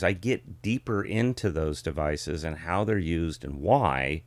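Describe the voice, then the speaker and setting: A middle-aged man chatting casually as a vlog host, with the warm, rich sound of a vintage ribbon mic in a home studio. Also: low-pitched, no echo. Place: small home studio with curtain backdrop. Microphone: studio ribbon microphone close in front.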